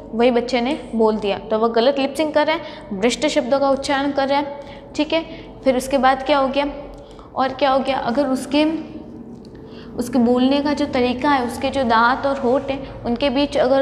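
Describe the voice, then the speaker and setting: High-voiced woman lecturing in an echoey hall. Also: steady tone, moderate pace, slight background noise. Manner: explains by asking and answering her own questions. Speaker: college lecturer. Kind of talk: classroom lecture.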